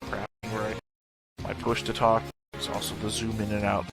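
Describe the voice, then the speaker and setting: A man playing a tabletop game over group voice chat, casual and quick to apologize for his own slips. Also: fairly low pitch, level tone. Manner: apologetic, self-deprecating. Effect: heard over group voice chat.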